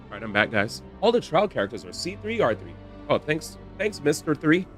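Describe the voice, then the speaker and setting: A man's voice: a little high, big pitch swings, fairly quick, soft background music. A man live-streaming a game, chatting casually and reacting in slang.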